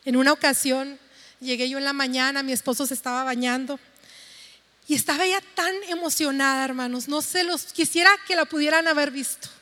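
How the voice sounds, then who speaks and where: A woman's voice: high-pitched, steady tone, brisk, sharp tone. A middle-aged woman, earnestly and tenderly giving a testimony to her church congregation. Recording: long hall reverb.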